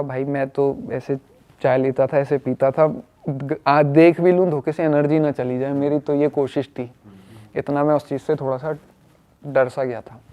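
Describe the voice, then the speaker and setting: A young man casually telling a personal story, animated and acting out what others said. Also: on the high side. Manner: animated, acts out quoted speech.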